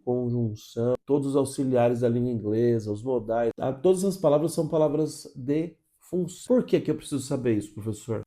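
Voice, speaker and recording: A man's voice: mid-range voice, dark tone. A man from Brazil with a Brazilian Portuguese accent, teaching English pronunciation in an explanatory online lesson. He keeps checking in with short tags and asks and answers his own questions. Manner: didactic, checks in with frequent "tá?" and "ok?" tags.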